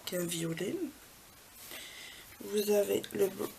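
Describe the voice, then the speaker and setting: A woman beauty vlogger, soft-spoken, walking through makeup swatches in a casual way at home and often dropping to a near whisper. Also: medium pitch, fairly even intonation, takes it slowly, gravelly, slight background noise, rough recording. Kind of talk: casual product swatch walkthrough. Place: home apartment.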